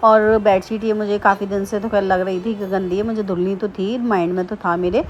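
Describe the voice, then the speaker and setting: A woman's voice: medium pitch, steady tone, a little fast, lo-fi sound, slight background noise. A woman in her thirties, a homemaker, chatting casually in a daily home vlog, rambling with many fillers and restarts. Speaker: vlogger, homemaker. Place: home during heavy rain. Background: faint rain and ambience.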